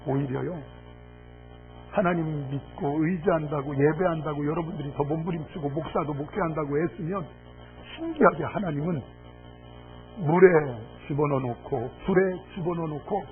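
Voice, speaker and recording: A man preaching as pastor, impassioned and pleading at times, soft and wry at others. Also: fairly high pitch, moderate pace. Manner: impassioned, swinging from loud pleading to soft asides; wry humor. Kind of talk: sermon. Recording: tinny phone-like audio with faint music.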